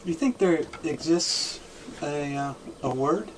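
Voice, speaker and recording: A man's voice: a little high, expressive, takes it slowly, noisy background. A man acting as session monitor, coaxing and prompting the viewer with light laughter. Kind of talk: guiding a session.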